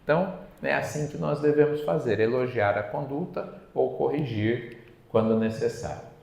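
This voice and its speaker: A gravelly-voiced man from Brazil gives an evening lecture at a spiritist center. He talks conversationally and slips into quoted dialogue. The echoey hall rings around his voice. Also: mid-range voice, normal speed, darkish tone.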